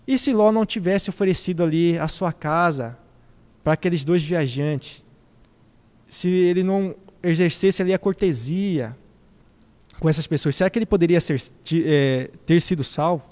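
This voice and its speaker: A man's voice: on the high side, moderate pace, a little mellow, long reverb tail. A man preaching a reflective sermon who poses questions to his congregation.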